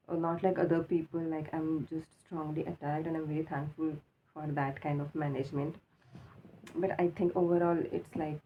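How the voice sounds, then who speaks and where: Deep-voiced and speaking with an Indian accent, a woman who has just woken up with a swollen mouth delivers an unscripted opinion piece. She's casual and halting, repeating things for emphasis, on a tinny, phone-like recording with faint noise.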